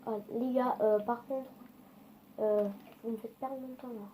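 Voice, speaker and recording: A woman chats her way through a gameplay session, swearing freely and talking straight to her viewers. Her voice sits a little high with a soft, mellow tone. A faint noise runs under the recording. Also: fairly even intonation, measured pace, poor audio. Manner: chatty and foul-mouthed, talking to viewers. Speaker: gaming video creator. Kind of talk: casual gameplay commentary.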